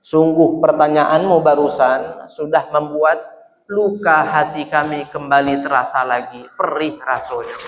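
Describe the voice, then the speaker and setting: A preacher playing a sorrowful old companion. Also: male voice, a little high, steady tone, lightly acted. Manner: slow and heavy-hearted. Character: sorrowful tall old man, companion of the Prophet. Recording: echoey mosque hall reverb.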